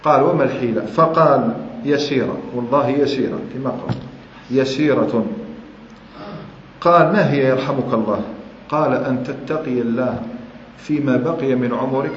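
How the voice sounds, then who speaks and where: A man's voice: mid-range voice, moderate pace. A man with an Algerian Arabic accent preaching a sermon, who retells old sayings and then repeats and explains them in everyday dialect. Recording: echoey hall, muffled and lo-fi, faint hiss.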